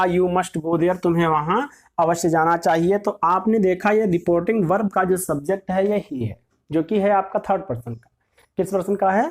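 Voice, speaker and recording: A woman teaching a grammar lesson who dictates example sentences word by word and asks her class questions, then answers them herself. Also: lowish voice.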